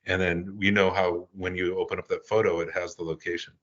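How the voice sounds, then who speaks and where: An older man, a guest in an interview, telling stories casually and rambling with halting restarts. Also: sits low, little pitch movement, a bit bright, muffled recording. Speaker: guest, animal relief volunteer.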